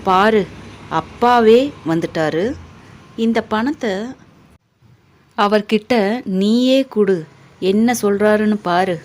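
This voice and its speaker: Scolding mother in a storybook reading, teasing tone, slow , read by a woman. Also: medium pitch, lightly acted. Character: scolding mother of a grown son.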